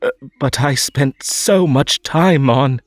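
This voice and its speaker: A man's voice: mid-range voice, slow, no room sound, faint music behind, close to an everyday voice. A man playing a whimsical, lonely and possessive magical rabbit host in a roleplay audio drama, coaxing theatrically with stammers and nervous giggles. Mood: nervous, unsettled.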